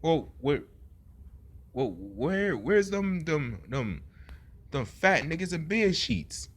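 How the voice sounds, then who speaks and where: A man's voice: fairly high pitch, expressive, slow, vocal fry, pitched above the performer's own voice, exaggerated voice. A man voicing a dismissive grown man on the street who brushes off a preacher in a mocking tone. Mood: confused.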